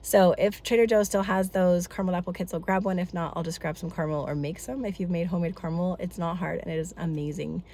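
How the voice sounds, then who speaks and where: A woman's voice: fairly low pitch, steady tone, quick pace, few pauses, warm tone. A woman in her thirties chatting casually in a family vlog, congested from a head cold, talkative and rambling with lots of asides. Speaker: family vlogger.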